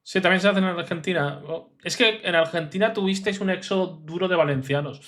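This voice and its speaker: A man's voice: high-pitched, fairly quick, fairly bright tone. A man from Spain with a Spanish accent giving casual reaction commentary in blunt, incredulous, slangy remarks. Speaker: reaction streamer.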